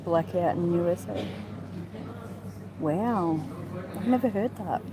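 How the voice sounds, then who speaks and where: A woman in casual conversation, explaining things in a halting way with lots of filler words. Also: on the low side, a crowd in the background. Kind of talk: casual chat. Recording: clear background noise, off-mic.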